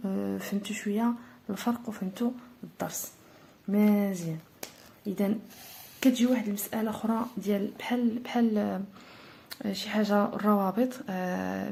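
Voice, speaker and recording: A woman teacher with a Moroccan Arabic accent talks her class through a grammar lesson in a mellow, warm voice. She explains patiently, step by step, filling pauses as she goes. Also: mid-range voice, creaky.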